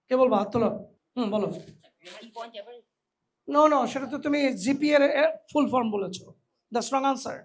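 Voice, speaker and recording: Man, pronunciation trainer, teasing, energetic, orientation hall, handheld mic. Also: very high voice. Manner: energetic, teasing, mixes in English phrases. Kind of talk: lively classroom lecture with a live audience.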